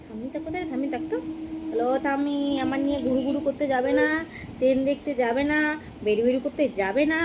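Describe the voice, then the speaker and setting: High-voiced mother cooing to her baby. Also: fast. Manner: coaxing sing-song baby talk. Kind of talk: casual home vlog, talking to a baby. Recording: noisy home ambience.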